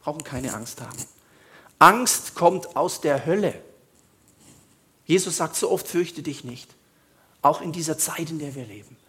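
A man's voice: fairly high pitch, animated, measured pace, long pauses, pushed and bright. A male pastor, preaching a sermon in a conversational style with emphatic asides.

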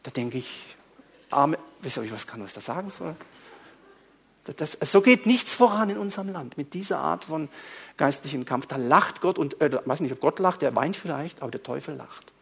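A man preaching to a congregation, telling stories in an animated way that swings between quiet asides and loud outbursts. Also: a little high, moderate pace, vocal fry, slightly rough. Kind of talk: storytelling sermon.

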